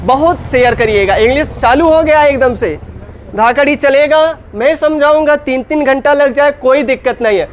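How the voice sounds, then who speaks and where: Indian guy teaching english grammar in hindi, pretty high voice, keeps quizzing the class and repeating himself. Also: normal speed, muffled recording, a little hiss or hum. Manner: asks students questions and answers himself, repeats points.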